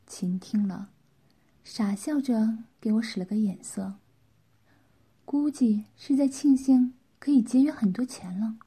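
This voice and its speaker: Woman whispering a story slowly. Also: a little high, husky. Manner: hushed, intimate. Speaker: story reader. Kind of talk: whispered role-play narration.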